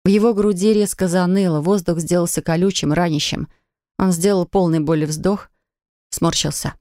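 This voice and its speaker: A woman reads an audiobook in a measured, even way, close to a studio mic. Her voice sits on the low side and the sound is dry, with no room around it. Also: no echo. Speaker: audiobook narrator. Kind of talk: scripted audiobook narration. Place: recording studio.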